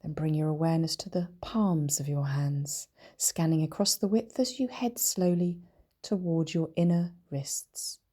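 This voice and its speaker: A woman leads a guided body-scan meditation in a low, mellow voice that is soft and breathy, at times close to a whisper. She speaks gently, soothingly, slowly and deliberately, leaving long, unhurried pauses between phrases.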